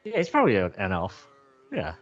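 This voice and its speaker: A man co-hosting a podcast in casual chat, relaxed with dry humor. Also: lowish voice, brisk, dry recording, soft background music. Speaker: podcast co-host. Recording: dull lo-fi mic.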